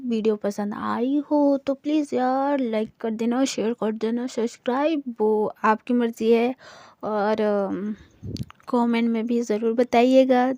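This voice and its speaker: A woman's voice: a little high, a little mellow, no room sound. A young woman narrating a romance story in a chatty, casual way with many fillers. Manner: chatty, filler-heavy retelling.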